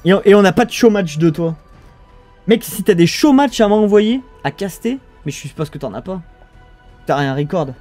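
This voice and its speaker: A man's voice: high-pitched, lively intonation, moderate pace, a little mellow, soft background music. A young French man casually casting a strategy game match, chatting with viewers in the chat, often trailing off and restarting sentences. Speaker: esports caster. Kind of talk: casual live game commentary.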